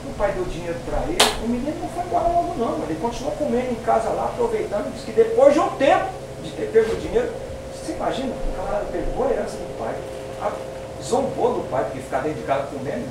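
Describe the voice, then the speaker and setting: A man teaching a hermeneutics class, retelling a parable in an animated way and acting out the characters' lines. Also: high voice, fast. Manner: animated storytelling, acts out dialogue with shifting voice. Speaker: Bible teacher. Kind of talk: informal theology class lecture. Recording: echoey room, voice from a distance, faint noise.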